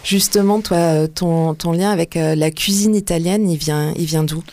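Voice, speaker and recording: Female interviewer, informal and easygoing, low-pitched, keeps the conversation moving. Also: steady tone, moderate pace, warm tone. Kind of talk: casual interview.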